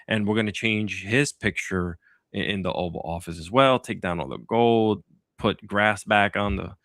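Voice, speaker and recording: A man's voice: lowish voice, normal speed, fairly bright tone, no echo, studio quality. A man hosting a political talk podcast, speaking casually and sarcastically, with lots of fillers and restarts. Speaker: podcast host.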